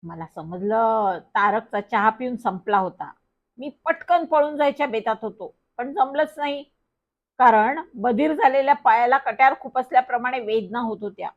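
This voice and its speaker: A woman reads a children's story aloud in a lively first-person telling. Her voice sits slightly high. The recording sounds dull and lo-fi. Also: normal speed.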